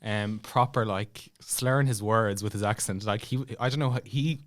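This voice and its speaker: A fairly low voice at a moderate pace belongs to a young Irishman on a podcast, casually sharing something that happened to him. His retelling is animated, with bits of dialogue performed and laughing asides thrown in.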